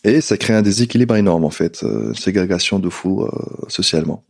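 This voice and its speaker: A man talks as a guest in a relaxed conversation. His voice sits very low, with a gravelly edge. He speaks haltingly, looping back and repeating words as he gathers his thoughts. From Tunisia. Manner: hesitant, many restarts and repeated words. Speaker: podcast guest. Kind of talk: casual conversation.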